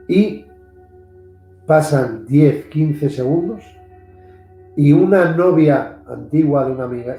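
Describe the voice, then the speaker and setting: Spanish-accented man, gravelly and mellow, earnest storyteller repeating points for emphasis, echoey room with faint guitar behind. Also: medium pitch. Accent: Spanish from Spain. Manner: earnest, repeats himself for emphasis, acts out the voices in his story. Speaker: paranormal investigator, host. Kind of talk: animated storytelling in a video interview.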